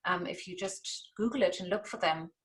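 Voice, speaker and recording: A native English-speaking woman who works as a language coach chats casually on a podcast in a fairly low voice at a moderate pace. Her speech is full of fillers and restarts.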